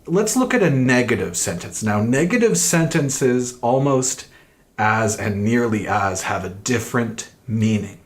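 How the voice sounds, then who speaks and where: A man in his thirties teaching an English grammar lesson, slow and deliberate, repeating key phrases for emphasis. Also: medium pitch.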